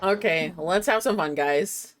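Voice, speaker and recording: At a measured pace and with a voice on the low side, a female game streamer hosts her livestream. She chats casually and playfully to herself and her audience, with a giggly manner.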